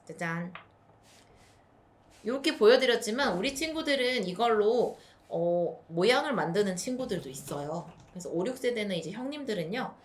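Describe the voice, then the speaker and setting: A young woman teaching parents play activities for small children, switching into a bright sing-song voice when acting out what to say to a child. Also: mid-range voice, lively intonation, moderate pace. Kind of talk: instructional video for parents.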